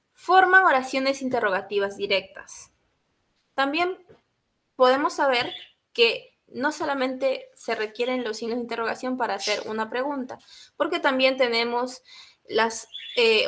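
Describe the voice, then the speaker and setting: A woman's voice: fairly high pitch, fairly bright tone, a little hiss or hum. A young woman from Peru, a university student giving a class presentation in an explanatory way, often adding a short tag question.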